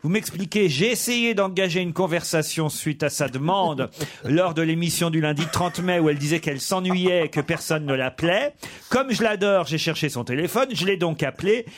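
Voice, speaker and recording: A man's voice: a little high, lively intonation. A man hosting a radio talk show, joking and teasing his callers and panel. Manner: jokey, teasing and quick with comebacks.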